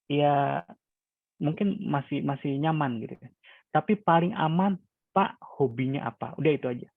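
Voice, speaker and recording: A man with a gravelly, creaky voice lectures calmly and explains step by step, now and then lifting his voice sharply to act out example questions. The sound is dry and narrow, like a phone line. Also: a little high, normal speed, no room sound. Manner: calm, explanatory, acts out sample questions with sharp rises. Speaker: hypnosis instructor. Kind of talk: class lecture with spoken examples.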